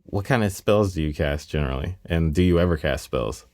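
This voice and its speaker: A man's voice: extremely low pitch, brisk, darkish tone, no room sound, clean studio sound. A man from North Carolina hosting a narrated documentary podcast, telling it with wry, self-deprecating humor. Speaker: podcast host.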